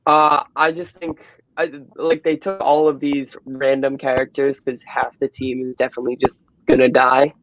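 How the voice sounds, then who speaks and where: A man's voice: mid-range voice, little pitch movement, moderate pace, fairly bright tone, lo-fi sound. A young man, a social media manager guest, chatting casually in a loose, rambling way. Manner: easygoing, rambling with fillers. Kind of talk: casual chat.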